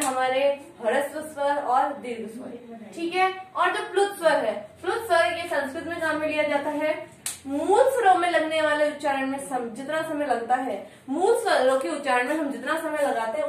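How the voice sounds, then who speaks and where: A woman teaching a grammar lesson, repeating each point and asking questions she answers herself. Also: high-pitched. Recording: echoey room, mic far off, faint noise.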